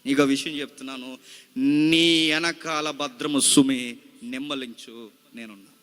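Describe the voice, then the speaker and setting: A man's voice: mid-range voice, steady tone, measured pace, fairly bright tone, clear, resonant tone, in a large hall. A male pastor preaching a sermon, dramatic and full of rhetorical questions to the congregation. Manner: repeats scripture phrase by phrase after a reader.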